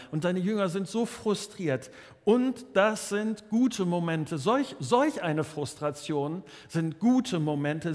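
A man's voice: sits high, long reverb tail. A man preaching a sermon earnestly, often restarting and repeating his words. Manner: earnest, many restarts and repetitions.

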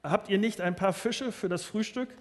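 A man's voice: high voice, normal speed, big-room sound. A man preaching a sermon earnestly, often restarting and repeating his words. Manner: earnest, many restarts and repetitions.

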